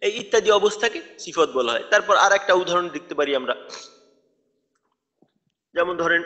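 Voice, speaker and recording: High-voiced man teaching letter sounds. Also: animated, brisk, pushed and bright, long reverb tail, highs cut off. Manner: patient, repeats letter sounds to demonstrate pronunciation. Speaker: tajweed teacher. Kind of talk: recorded online lecture.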